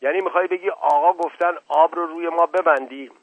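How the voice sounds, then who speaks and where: An indignant, hot-tempered colonel, as a man puts him on, pitched a little higher than the reader's own voice and pushed louder. He sounds husky and excited as he snaps his accusations, and the sound is thin and narrow like a phone line. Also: dry recording. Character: indignant middle-aged male colonel, quick-tempered.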